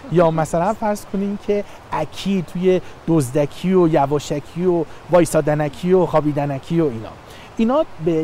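A man's voice: a little high, warm tone, slight background noise. A man who is a linguist, explaining speech forms with examples in a documentary interview.

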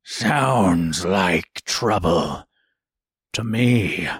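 A man doing a slow, growling wolf leader. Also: deep voice, animated, slightly rough, dry recording, studio quality, voice pushed down, exaggerated voice. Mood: menacing. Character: menacing male wolf pack leader, growling.

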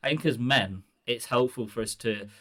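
A man hosting a podcast, reading forum posts aloud in a measured, earnest way. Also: medium pitch, pushed and bright. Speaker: podcast host.

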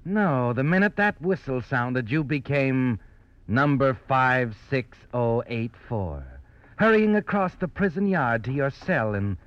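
A man's voice: medium pitch, expressive, measured pace, natural voice. An actor playing a grave male narrator of a crime story, in dramatic 1940s radio style. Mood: grave, ominous. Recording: dull old radio recording.

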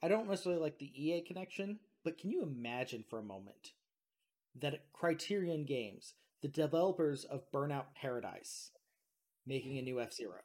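A man's voice: fairly high pitch, big pitch swings, normal speed, darkish tone. A man co-hosting a casual gaming podcast, enthusiastic and prone to ranting and storytelling. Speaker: podcast co-host. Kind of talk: casual chat.

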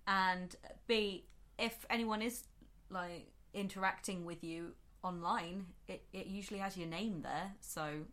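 A woman's voice: mid-range voice, fairly even intonation, a little slow, fairly bright tone. A woman co-hosting a podcast in casual chat, wry and teasing. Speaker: podcast co-host.

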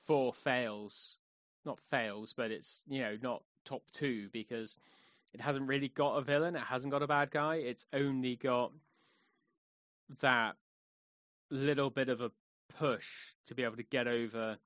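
A man's voice: mid-range voice, fairly even intonation, a little slow, a bit bright, dry recording. A man rambles through his solo podcast, full of "um"s and restarts. His voice sits in a middle register. It is recorded dry and a little muffled, like a cheap home setup. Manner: rambling, many fillers and restarts. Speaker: podcast host.

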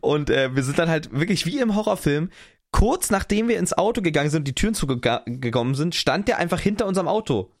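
A man's voice: fairly high pitch, quick pace. Young man telling a story casually. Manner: animated storytelling, acts out quoted voices. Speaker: podcast co-host. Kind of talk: casual chat.

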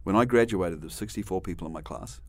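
With a deep, slightly mellow voice and a quick delivery, a middle-aged man from New Zealand spins rambling stories as an interview guest. His Kiwi accent comes through, along with frequent restarts and a dry sense of humor.

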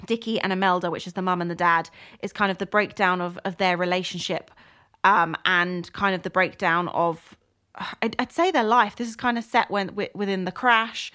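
A woman's voice: lowish voice, fairly even intonation, moderate pace, bright, forceful tone. A woman co-hosting a book podcast, chatting casually with many fillers and restarts. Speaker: podcast co-host.

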